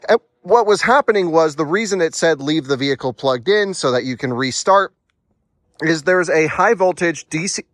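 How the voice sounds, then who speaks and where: A man's voice: a little high, expressive, normal speed, fairly bright tone, no room sound, clean studio sound. A man hosting a casual explainer vlog, chatty and restarting words, talking through the hiccups. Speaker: channel host.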